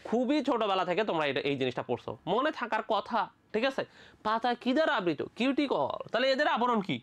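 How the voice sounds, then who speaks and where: A quick-talking tutor from Bangladesh teaching biology for medical admission. The voice swoops up and down constantly, firing questions at the class and answering them right away. Casual, playful asides keep the lecture moving. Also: medium pitch, very animated.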